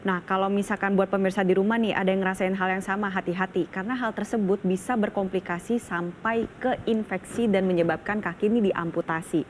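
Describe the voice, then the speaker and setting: A woman's voice: medium pitch, steady tone, a little fast, few pauses, a little hiss or hum. A woman presenting on a health show, explaining things instructively to viewers at home.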